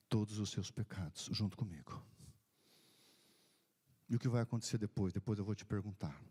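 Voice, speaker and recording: A man's voice: lowish voice, dark tone, husky. A man, a pastor, telling a deathbed story in a sermon, acting out the dialogue and dropping to a whisper at times. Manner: retells dialogue, drops to whispers and rises in bursts.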